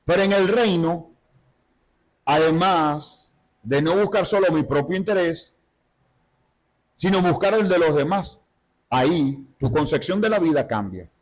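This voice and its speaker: A man teaching a Bible study in sermon style, animated, asking rhetorical questions and acting out quotes. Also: a little high, unhurried, long pauses, rough recording.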